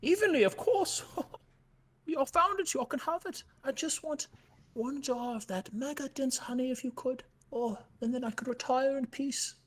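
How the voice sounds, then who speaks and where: A man's voice: very high voice, moderate pace, a bit bright, pitched above the performer's own voice. A man voicing an elderly male bear who runs a honey heist, fussy and wavering. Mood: cheerful. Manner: fussy, wavering, breathy asides.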